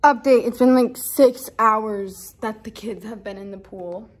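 A young woman chatting casually in a travel vlog, quick and a bit complaining. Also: fairly high pitch. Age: young adult. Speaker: vlogger.

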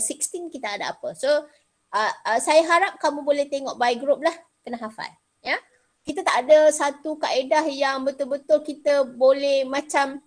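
A middle-aged woman with a Malaysian Malay accent teaching an informal online lesson, chatty, repeating points and mixing in English terms. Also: high voice. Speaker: chemistry teacher. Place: indoors, on a video call.

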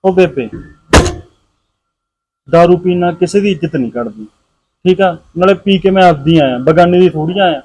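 An actor playing a surly young husband who drinks, speaking with a Punjabi accent and curt defiance. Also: male voice, high voice, normal speed, pauses often, noisy background, close to an everyday voice. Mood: defiant. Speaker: husband and son. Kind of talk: short film drama acting.

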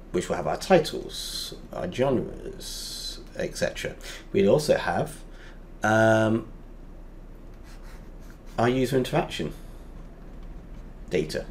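A man teaching a lesson over a whiteboard drawing, explaining step by step and pausing often with fillers. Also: on the low side, a little mellow, slight background noise.

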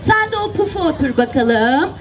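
High-pitched and very animated, a woman speaks at normal speed as she tells fairy tales live to children outdoors by the sea, talking to them playfully. Soft music plays amid the crowd and background noise.

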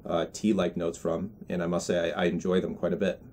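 A man in his twenties giving a casual video review in a measured, hesitant way, pausing to find words. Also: sits low, level tone, a little mellow, a little hiss or hum. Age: 20s. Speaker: product reviewer. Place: indoors in a small room with bookshelves.

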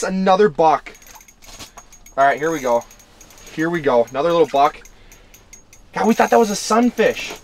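A young man with a slightly high voice talks in a slangy, excitable way, like a casual fishing vlog. The camera audio from inside the tent carries faint noise. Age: young adult. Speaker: fishing vlogger. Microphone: camera a short distance away.

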